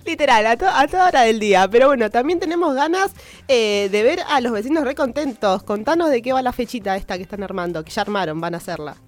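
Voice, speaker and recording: A woman's voice: a little high, expressive, fast. A woman hosting a radio interview, chatty and joking. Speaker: radio host.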